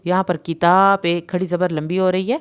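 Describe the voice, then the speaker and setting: A woman with an Urdu accent teaching tajweed, alternating clear explanations with slow, drawn-out recitation. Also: on the low side, level tone.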